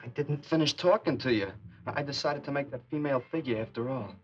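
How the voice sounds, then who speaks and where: An actor playing an awkward, touchy busboy who puts on airs as a beatnik sculptor, halting when challenged, in 1950s film style. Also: male voice, medium pitch, close to an everyday voice. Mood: hesitant. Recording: dull 1950s film soundtrack, music behind.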